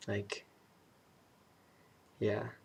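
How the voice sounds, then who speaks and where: A young vlogger talks casually and introspectively about personal matters. He speaks haltingly, searching for his words.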